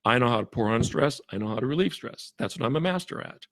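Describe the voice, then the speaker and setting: A man's voice: mid-range voice, expressive, fairly bright tone, dry recording. A man, a forensic interviewer, talking casually as a podcast guest, with frequent restarts and chuckles. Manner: halting, many restarts, chuckles often.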